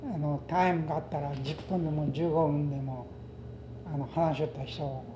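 A man's voice: fairly high pitch, steady tone. Older Japanese dialect man, echoey recording. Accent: western Japanese dialect. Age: older, retired. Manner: halting, anecdotal, mixes in English words. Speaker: oral history interviewee. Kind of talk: reminiscing in conversation. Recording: echoey, muffled, noisy interview recording.

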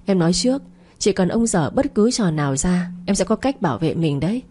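A woman's voice: on the low side, sing-song, a little fast, dark tone, slightly rough. Woman reading as scheming young mistress. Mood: threatening. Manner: coaxing, wheedling.

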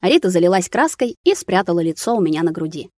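A woman reads a novel in first person, measured and steady. Her voice sits on the low side and the recording is close and dry. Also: dry recording. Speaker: audiobook reader. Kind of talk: scripted first-person narration.

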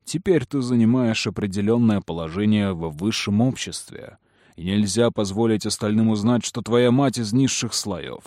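A man playing a cold, manipulative noble father who speaks slowly and firmly. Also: fairly low pitch, darkish tone, no room sound, clean studio sound, lightly acted. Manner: slow, firm, measured. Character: cold powerful aristocratic father, calm and manipulative.

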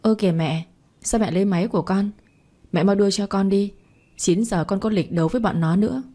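A woman's voice: mid-range voice, a little fast, mellow, close to an everyday voice. A woman voicing a cheeky young woman gamer who protests defensively to her mother, in a storybook reading. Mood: protesting.

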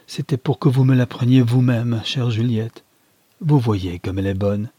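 An impassioned young lover, read by a man pleads with feverish ardor in a dark, husky voice. The audiobook recording is dry, with no room sound. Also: medium pitch, steady tone, moderate pace, dry recording, lightly acted. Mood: ardent. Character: young man desperately in love, pleading and wounded.

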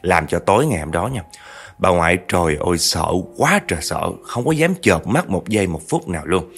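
Low-voiced male storyteller. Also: big pitch swings, fairly quick, vocal fry, a bit bright, faint music behind. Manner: chatty, addresses listeners directly. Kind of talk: narrating a true spooky family story.

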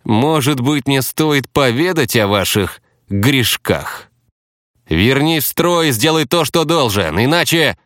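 A man voicing an oily, insinuating male villain with a smooth, sneering manner in an audiobook. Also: fairly high pitch, big pitch swings, normal speed, hardly any pauses, fairly bright tone, dry recording, clean studio sound, pitched above the performer's own voice.

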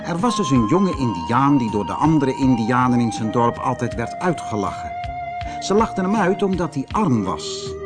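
A man reading a children's fairy tale aloud, lifting his voice for the characters' speech. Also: mid-range voice. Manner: lively storyteller, lifts his voice for characters' speech. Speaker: storybook reader. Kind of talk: children's audiobook narration.

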